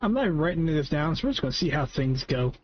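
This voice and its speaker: A man's voice: on the high side, very animated, fast talker, slight background noise. Joking male streamer. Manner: offhand, joking asides. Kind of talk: casual gameplay commentary. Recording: dull lo-fi stream audio.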